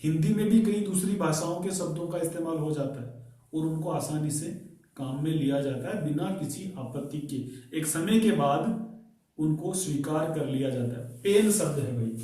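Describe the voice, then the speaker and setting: A man's voice: a little high, moderate pace, dark tone. A male teacher giving a grammar lecture, asking his students rhetorical questions as he explains. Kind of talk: classroom lecture on English grammar. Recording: very echoey room, voice from far off.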